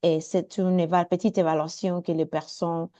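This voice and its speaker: A woman from Mexico with a Mexican Spanish accent, introducing herself informally and apologetically searching for words in a language she speaks haltingly. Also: on the low side, level tone, dark tone. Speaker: networking meeting participant introducing herself. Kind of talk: informal self-introduction at an online meeting. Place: indoors, video call.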